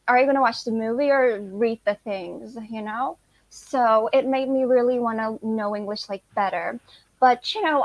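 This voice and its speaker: A sixteen-year-old high school girl, a native Turkish speaker, answers interview questions as a guest in a fairly high voice. She's casual and chatty, filling her speech with "like" and "you know." The recording has no echo and is low in quality.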